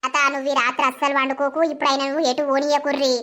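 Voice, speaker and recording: A woman voicing a shrewd, bossy village neighbor in a cartoon, speaking briskly and commandingly. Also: high-pitched, level tone, a bit bright. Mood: scheming.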